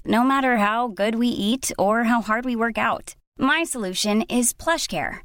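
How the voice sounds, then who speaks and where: A woman reading a scripted advertisement in a smooth, persuasive way. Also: medium pitch, dry recording, clean studio sound. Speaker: ad reader.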